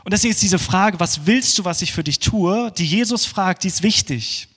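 A man preaching a sermon, moving between fervent passages and hushed, prayerful ones. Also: high voice, lively intonation, normal speed. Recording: long hall reverb.

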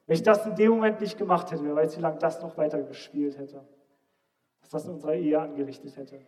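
High-voiced preacher in an echoing hall. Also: male voice, fairly even intonation, brisk. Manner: storytelling, swings between loud emphasis and near-whispered lines. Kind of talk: sermon.

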